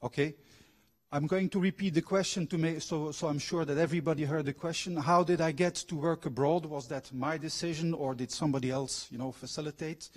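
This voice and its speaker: This guest lecturer speaks a little fast in a voice on the high side, keeping his intonation fairly even. A middle-aged Belgian who grew up abroad, he is a former factory manager and trained coach, sharing personal anecdotes and questioning the audience in a university lecture hall.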